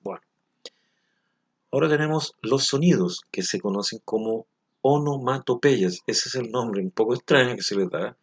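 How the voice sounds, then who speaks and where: A man's voice: medium pitch, husky. A man teaching a recorded lesson, explaining things patiently and often stopping to ask whether the listener follows. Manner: patient, explains slowly, asks frequent check questions. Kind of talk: recorded language lesson for children.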